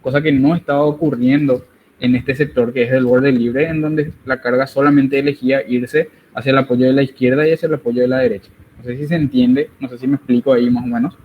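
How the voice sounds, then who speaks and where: A man's voice: mid-range voice, steady tone, fairly quick, phone-quality sound, a little hiss or hum. A man giving an online engineering tutorial, explaining while he draws and often checking with tag questions.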